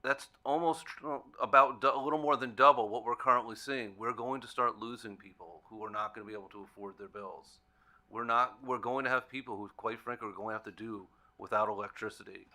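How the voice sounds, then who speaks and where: A man's voice: fairly low pitch, steady tone, fairly quick, pushed and bright. A man, speaking as a consumer advocate on a panel in an earnest, plainspoken way. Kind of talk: panel discussion remarks.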